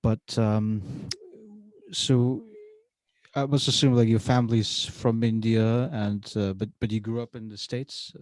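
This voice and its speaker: A man's voice: lowish voice, fairly even intonation, slow, a little mellow, no room sound. Hesitant man hosting a podcast, dry sound. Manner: hesitant, many uh fillers. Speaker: podcast host. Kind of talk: casual interview. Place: university setting.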